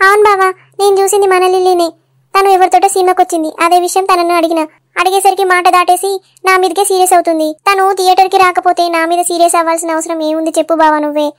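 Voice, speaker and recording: A woman voicing a young wife in a cartoon, sharp and easily hurt, with a sulky manner. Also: flat delivery. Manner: chipmunk-high cartoon voice, rapid and sulky.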